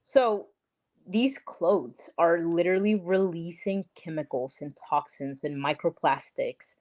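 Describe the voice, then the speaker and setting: Young woman guest, from Peru, low-pitched, emphatic, casual podcast chat. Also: a little slow, a little mellow. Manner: chatty, emphatic, says literally and like a lot.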